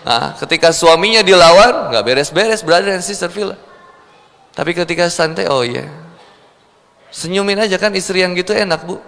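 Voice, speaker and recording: A man's voice: high voice, normal speed, gravelly. A man preaching with a Sundanese accent, telling stories playfully and acting out a married couple's quarrels. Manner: lively storytelling, acting out both sides of a married couple's spat. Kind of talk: humorous sermon. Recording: long hall reverb.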